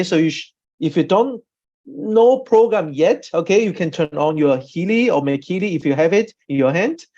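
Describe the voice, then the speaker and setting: Over dull, lo-fi video call audio, an Austrian doctor and trainer delivers an informal online session in English, which isn't his native language. His voice is high-pitched yet darkish, and his delivery is halting and repetitive, punctuated often by a questioning "okay?".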